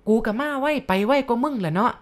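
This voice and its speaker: Gruff mocking old preta ghost, slow drawl; a woman narrator acts him. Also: fairly high pitch, lively intonation, voice pushed up, natural voice. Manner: slow, taunting, crude.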